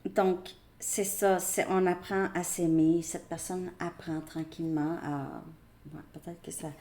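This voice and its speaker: A woman with a Québécois French accent giving a tarot reading, talking slowly and hesitantly with many fillers and restarts. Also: on the low side, level tone, dark tone. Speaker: tarot reader.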